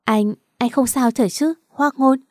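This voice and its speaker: A woman's voice: sits high, measured pace, darkish tone, no room sound, clean studio sound, pitched above the performer's own voice. A woman voicing a sobbing young lover. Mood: trembling. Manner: tearful, pleading. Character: grief-stricken young woman pleading with her lover.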